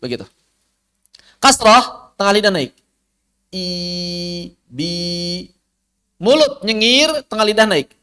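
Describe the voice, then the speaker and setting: A man teaching a recitation lesson online, patiently explaining and demonstrating sounds by repeating drawn-out syllables, often asking and answering his own questions. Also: sits high, very animated, bright, forceful tone. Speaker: tajwid teacher.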